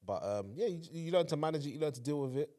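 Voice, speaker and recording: A man in his thirties from England, co-hosting a podcast in relaxed, teasing casual chat. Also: on the high side, quick pace. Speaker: podcast co-host.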